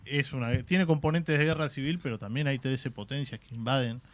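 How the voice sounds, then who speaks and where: A radio guest with a Uruguayan Spanish accent chats about history on a talk show, his mid-range voice moving a little fast. He explains patiently, repeatedly halting on "este" and "eh" before restarting, all through a studio microphone.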